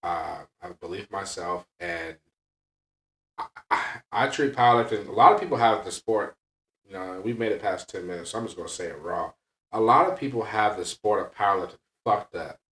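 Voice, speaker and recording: This fairly low-voiced man sounds like a coach hosting a podcast, talking off the mic, far away, in a room full of echo. His manner is candid and casual yet blunt and emphatic, peppered with quick checks for agreement, his intonation lively, his pace a little fast and his tone fairly bright.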